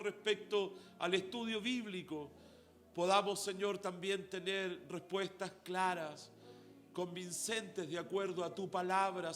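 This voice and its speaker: A man's voice: high voice, fairly bright tone. A pastor with a Chilean Spanish accent leading an earnest spoken prayer, repeating "Lord" between his phrases.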